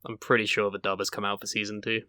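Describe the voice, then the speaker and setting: A man's voice: lowish voice, little pitch movement, fast, sharp tone, clean tone, no echo. A man co-hosting a podcast, bantering casually with sarcastic, mock-dramatic rants and plenty of swearing. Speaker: podcast co-host.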